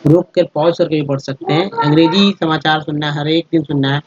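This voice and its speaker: A man's voice: fairly high pitch, steady tone, a little fast, no room sound, highs cut off. A man teaching a lesson over slides, explaining step by step, spelling letters out and repeating words, and often checking that his listeners follow. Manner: addresses viewers as friends, checks with "ठीक है". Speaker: English teacher.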